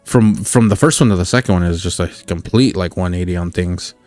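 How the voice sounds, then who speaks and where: A man with a fairly low voice talks loosely about games he missed, trailing off and restarting his sentences. The sound is close and dry, with faint music underneath. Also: a little fast, a little mellow, no echo. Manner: rambling, many fillers and restarts. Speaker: podcast co-host. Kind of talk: casual chat about video games.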